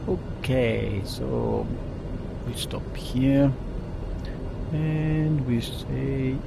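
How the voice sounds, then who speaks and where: A man piloting a small plane, speaking over a cockpit headset, calmly reading checklist items and making radio calls. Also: medium pitch, very slow, vocal fry. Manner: calm, methodical, reads checklist items aloud. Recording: loud engine noise in headset.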